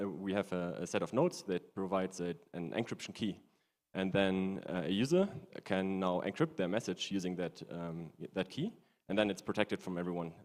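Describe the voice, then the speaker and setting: A man giving an informal technical conference talk, haltingly, often searching for words. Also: deep voice, a little mellow. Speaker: conference speaker, stand-in presenter. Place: conference stage in a large hall. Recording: long hall reverb.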